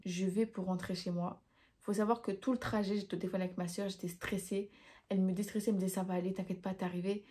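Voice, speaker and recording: Young woman, vlogger, chatty and expressive, slangy self-mocking storyteller. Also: medium pitch. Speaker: vlogger telling personal stories. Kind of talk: casual storytelling to camera.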